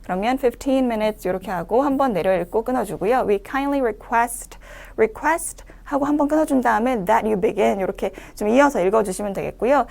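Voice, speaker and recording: Woman teaching, with a gravelly edge. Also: a little high, darkish tone. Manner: explanatory, demonstrates the English phrases slowly. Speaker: English speaking-test instructor. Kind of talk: lecture.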